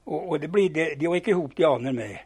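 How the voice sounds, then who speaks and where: An older man with a husky, slightly high voice spins old yarns, switching into the voices of the people in his stories. He stumbles over words and starts sentences again as he talks. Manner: animated yarn-spinning, acting out dialogue, repeats and restarts words. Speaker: storyteller. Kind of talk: spoken reminiscence, telling old anecdotes.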